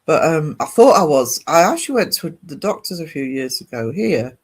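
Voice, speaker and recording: Very animated at a moderate pace, this man's slightly high voice is a little mellow with some roughness to it. He's a livestream host from northern England with a British accent, casually rambling while reading and answering viewers' comments.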